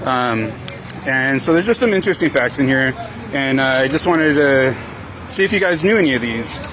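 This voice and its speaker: A man with an expressive, mid-range voice speaks at a normal speed as a citizen journalist conducting street interviews beside a vaccination line. He's casual and polite, often hesitant and informal in his wording, and loud traffic and vehicle noise surround the recording.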